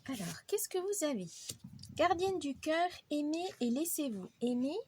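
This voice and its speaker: A woman's voice: sits high, big pitch swings, a little slow, background noise. A woman giving a casual weekly tarot reading, chatty and friendly, with frequent hesitations. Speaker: tarot card reader.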